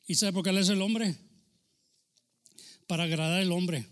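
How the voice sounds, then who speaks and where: A man preaching a sermon as pastor, swinging between loud exclamations and low asides. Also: steady tone, moderate pace.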